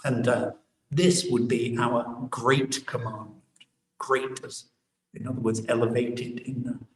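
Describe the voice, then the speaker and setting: A man's voice: mid-range voice, little pitch movement, takes it slowly. A man preaching a sermon in a church, explaining scripture and posing rhetorical questions to the congregation. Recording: echoey church from a distant mic.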